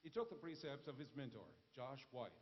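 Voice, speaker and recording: A man's voice: medium pitch, animated, brisk. A man announcing inductees from the stage as emcee. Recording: echoey hall, lo-fi, hiss.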